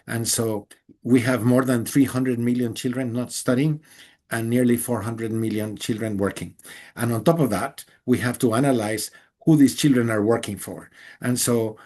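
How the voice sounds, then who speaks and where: A journalist from Guatemala, answering interview questions earnestly and emphatically with small laughs. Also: male voice, mid-range voice, darkish tone. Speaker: journalist and guest.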